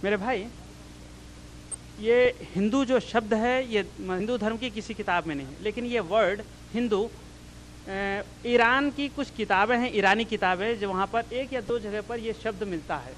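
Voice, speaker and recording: A man's voice: high-pitched, measured pace, fairly bright tone, a little hiss or hum, low-quality recording. A man giving a public religious talk and answering audience questions, explaining earnestly and rising in emphasis.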